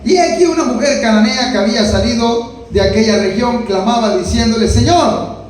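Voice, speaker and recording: A male pastor preaching a sermon, acting out quoted voices with sudden shouts. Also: very high voice, a little fast. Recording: echoey room, distant mic, faint noise.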